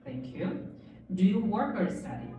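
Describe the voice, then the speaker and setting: A woman acting as examiner in a mock speaking test, asking questions in a formal, measured way. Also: medium pitch, sing-song, warm tone, soft background music. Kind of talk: scripted exam questions. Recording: echoey room, far from the mic.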